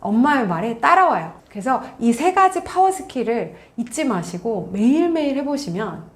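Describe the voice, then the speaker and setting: 높은 목소리로 부모 대화법을 가르치는 여성 상담가. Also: female voice, fairly high pitch, sing-song, moderate pace. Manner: warm instructive, acts out parent and child lines. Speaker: parenting counselor. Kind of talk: parenting lecture.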